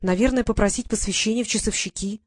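A woman voicing a cautious, polite young girl who answers quietly. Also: medium pitch, fast, no room sound, clean studio sound, natural voice. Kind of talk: audiobook character voice.

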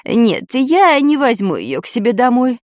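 A squeamish, fussy middle-aged wife, as a woman reading the story puts her on, shrilling out exclamations and fussing with disdain. Her voice jumps about with lively swings and sounds close and dry. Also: fairly high pitch, a little slow, no echo. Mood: disdainful.

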